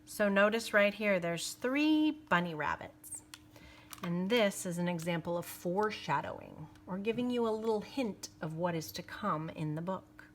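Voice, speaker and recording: Reading a picture book to her listeners, a woman teacher breaks off for instructional comments and lowers to teasing whispers at suspenseful moments. She speaks expressively in a mid-range voice, with slight background noise.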